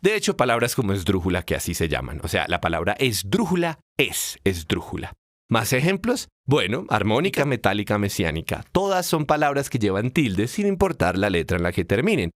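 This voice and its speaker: A man's voice: fairly low pitch, huge pitch swings, fairly quick, few pauses, no room sound, studio quality. A man narrating a scripted lesson on Spanish accent marks, telling it as a playful story with acted dialogue.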